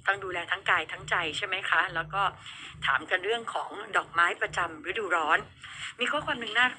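A woman's voice: medium pitch, animated, a little fast, pushed and bright, slight background noise. A woman hosting a radio show in casual chat, talking straight to her listeners. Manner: chatty, addresses listeners directly.

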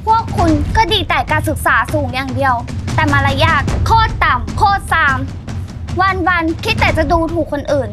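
A woman's voice: high-pitched, animated, normal speed. An actress playing a wronged, insistent young female migrant labourer, protesting earnestly in a short drama. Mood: indignant, defiant. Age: young adult. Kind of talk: acted melodrama dialogue. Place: outdoors at a building site. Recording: music under the voice.

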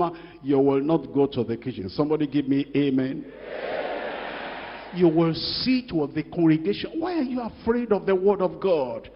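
An older pastor preaching a rebuking sermon at a pulpit with a handheld mic, putting direct questions to the congregation. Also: male voice, fairly high pitch, husky. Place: large church hall at a pulpit. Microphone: handheld microphone. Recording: dull reverberant hall sound.

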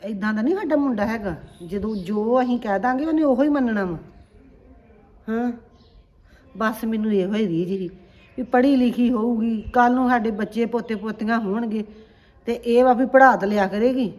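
A middle-aged woman playing a mother looking for a bride for her son, chatty and lively in her talk. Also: on the high side, moderate pace, lightly acted. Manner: chatty, animated on the phone. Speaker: mother of the groom.

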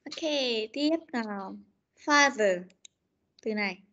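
A young woman teaching an online pronunciation drill over a video call, correcting and repeating words slowly and patiently. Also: medium pitch, lively intonation, bright, forceful tone, muffled recording. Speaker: English teacher.

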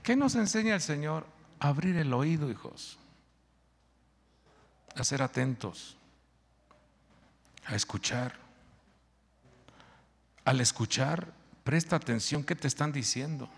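A man preaching a sermon to his congregation, throwing questions at the crowd. His voice swings widely in pitch and drops into a gravelly rasp. It rings with a long echo through a church hall. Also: slow pace, pauses often. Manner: animated preaching, quizzing the congregation. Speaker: pastor.

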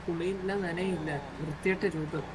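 A woman's voice: on the low side, steady tone, moderate pace, a little mellow, a little hiss or hum. A woman playing a co-op game with a friend, teasing him and talking back in casual chat. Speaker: co-op game partner. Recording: game music playing under the voice.

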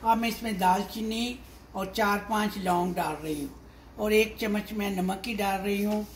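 A woman in her sixties with a Pakistani accent talks through cooking steps at the stove in her home kitchen, unscripted and often repeating herself, like a home cook or cooking show host. Her voice is mid-range at a moderate pace, with a little hiss or hum. The echoey kitchen is full of loud sizzling, stirring, and clattering pots and dishes.

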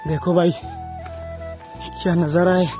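High-voiced man vlogging on a handheld phone. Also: level tone, unhurried, over music. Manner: talks straight to viewers, keeps saying bhai and guys. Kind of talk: casual handheld walking vlog. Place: outdoors on a dusty road by a forest. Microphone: phone camera held in hand.

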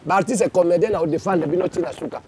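Comedian, high and showy, crowd noise around him in a street interview. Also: male voice, very fast. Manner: exuberant, declamatory, mixes two languages. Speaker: comedian interviewed in his stage persona. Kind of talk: street interview, lively self-promotion.

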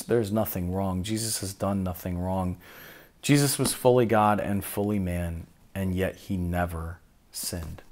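A man preaching a solemn sermon as pastor, slow and deliberate, with long pauses between phrases. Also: sits low, darkish tone.

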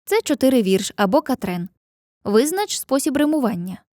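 A woman narrating a scripted literature lesson in a clear, measured way, reading lines of poetry slowly. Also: sits high, big pitch swings, a little mellow, dry recording, clean studio sound.

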